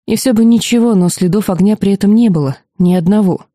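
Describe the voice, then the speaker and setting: A woman reads a first-person fantasy audiobook, expressive and a little ironic. Her voice sits mid-range with a mellow, dark tone, and the recording is dry and close. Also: medium pitch, quick pace, no room sound. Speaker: audiobook narrator.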